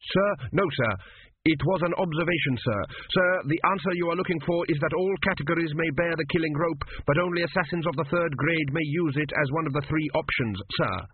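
A man's voice: a little high, fairly quick, slight background noise, voice pushed up, close to an everyday voice. A man voicing a nervous young male student assassin who answers formally and keeps saying sir. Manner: formal, says sir constantly, anxious. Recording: tinny phone-like sound.

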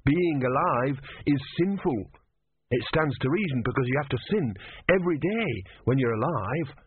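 A man's voice: medium pitch, expressive, moderate pace, slight background noise, voice pushed up, natural voice. A man voicing an earnest, naive young male novice monk who speaks anxiously and sincerely, heard over tinny phone-like audio.

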